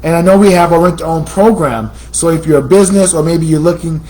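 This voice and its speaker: A chatty American man runs a casual promotional talk for a computer shop. His voice sits fairly high for a man, and he repeats phrases as he pitches deals. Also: brisk, mellow, rough recording. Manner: chatty, repetitive, salesy. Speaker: computer store host.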